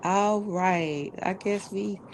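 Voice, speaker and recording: A woman hosting a casual talk show, chatting in an animated, folksy way and repeating words for emphasis. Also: medium pitch, slow pace, slight background noise. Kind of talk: casual live call-in style chat.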